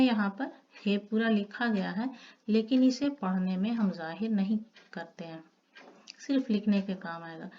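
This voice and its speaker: A woman teacher giving an Urdu grammar lesson, explaining step by step and drawing out the example words. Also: mid-range voice. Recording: dull lo-fi audio with faint noise.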